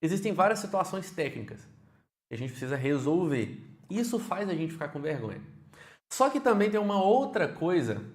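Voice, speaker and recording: A man with a Brazilian Portuguese accent teaching keyboard online, lively and speaking straight to the viewer with frequent questions. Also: high-pitched, reverberant.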